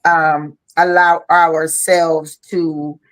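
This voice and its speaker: A woman co-hosts a casual podcast, speaking in a slightly low voice. She sounds tired after a long day but stays frank and talkative, filling her sentences with "you know.". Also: little pitch movement, very slow. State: tired, yawning. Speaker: podcast co-host. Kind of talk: casual chat.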